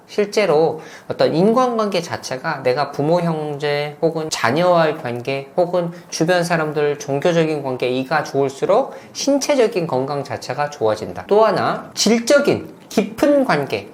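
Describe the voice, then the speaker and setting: A man, a psychiatrist, giving measured explanatory answers in an interview. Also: fairly high pitch. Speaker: psychiatrist guest. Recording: roomy room with faint noise.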